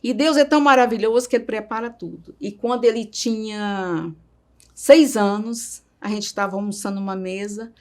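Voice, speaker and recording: Brazilian Portuguese woman, middle-aged, heartfelt personal testimony, mid-pitched voice. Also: steady tone, normal speed. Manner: emotional, tags sentences with a questioning "right?". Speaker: interviewee.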